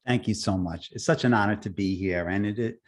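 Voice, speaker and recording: A middle-aged man from Long Island, New York, with a Long Island accent and a voice on the low side, tells his own story haltingly. He's a guest speaker who had a near-death experience, and his personal account is full of restarts and fillers.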